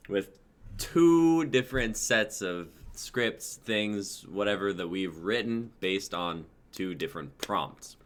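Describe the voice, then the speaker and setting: A man in his twenties hosts a livestreamed script-reading show, speaking slowly in an expressive voice on the low side. He is casual, hyped and profane, recorded through noisy home livestream audio.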